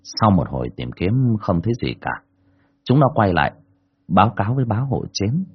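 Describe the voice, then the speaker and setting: Man, husky voice, lively storytelling, dull lo-fi recording. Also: lowish voice, normal speed. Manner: expressive, colloquial. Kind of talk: dramatic audiobook narration.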